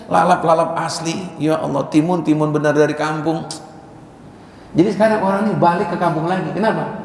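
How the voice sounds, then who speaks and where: Gravelly preacher with a lilt. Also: male voice, sits high. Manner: chatty and joking, recites Arabic phrases slowly. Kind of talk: casual humorous sermon. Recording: echoey hall with faint ambient noise.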